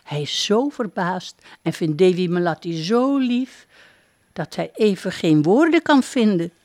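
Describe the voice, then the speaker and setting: Woman reading a fairy tale, slow and low, dry close sound. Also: animated, a little mellow, no echo. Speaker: storyteller. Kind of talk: storybook narration.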